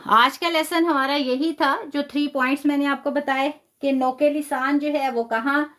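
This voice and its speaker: Her high-pitched, fairly bright voice leads a live online Quran class. She patiently explains each step, draws out demonstration syllables, and frequently praises the students.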